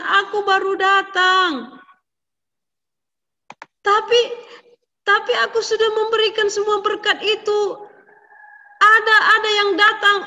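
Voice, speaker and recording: A woman's voice: extremely high pitch, pushed and bright, pitched above the performer's own voice, full character voice. A woman voicing an old, half-blind father in a children's Bible story, exclaiming in a raised, strained voice. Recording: distant echoey dull recording.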